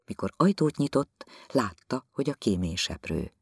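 A man reading a literary novel aloud as an audiobook narrator, in measured, expressive storytelling. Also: medium pitch, creaky, breathy edge, no room sound, studio quality.

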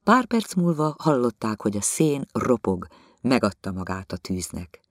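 A man reading a literary novel aloud as an audiobook narrator, in measured, expressive storytelling. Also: medium pitch, no room sound.

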